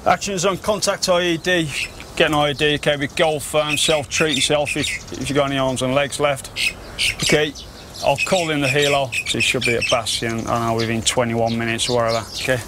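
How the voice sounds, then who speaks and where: A man's voice: medium pitch, level tone, fairly quick, very noisy. A British man briefing soldiers informally as patrol leader, blunt and instructive, recorded outdoors. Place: outdoors at a military checkpoint.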